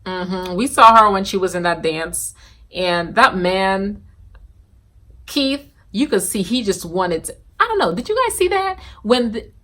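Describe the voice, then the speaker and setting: A woman from Guyana talking casually to camera in an animated, sassy way, reviewing a reality TV show and giving her predictions. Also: medium pitch, a little slow. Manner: animated and sassy, with bursts of laughter and scolding. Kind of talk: casual opinionated chat to camera.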